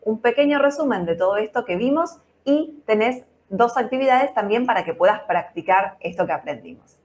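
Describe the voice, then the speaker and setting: A woman's voice: fairly high pitch, lively intonation, moderate pace, darkish tone. A young adult woman with a Rioplatense Spanish accent, giving an online English lesson in a patient, explanatory way and often checking in with the listener. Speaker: English teacher.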